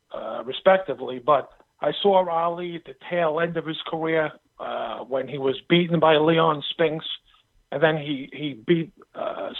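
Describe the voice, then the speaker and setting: A middle-aged man giving casual interview answers as a boxing pundit calling in by telephone. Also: a little high. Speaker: boxing pundit, phone-in guest. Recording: tinny phone line.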